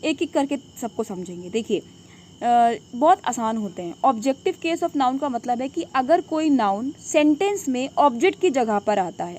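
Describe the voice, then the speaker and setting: High pitched lady teacher explaining grammar, quizzes and answers herself, a bit of cricket noise. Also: a little mellow. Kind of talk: classroom lesson.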